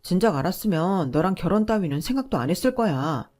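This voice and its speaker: A woman's voice: on the low side, sing-song, fast talker, darkish tone. A woman voicing a selfish adult husband who talks in a dismissive, blaming way. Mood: resentful.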